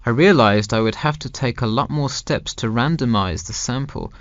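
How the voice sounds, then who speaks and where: A man's voice: medium pitch, normal speed, dry recording, highs cut off, lightly acted. A man playing a university student in a scripted, carefully enunciated textbook dialogue. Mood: explaining, earnest. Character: male university student discussing his dissertation with an adviser. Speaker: student in a listening-test dialogue.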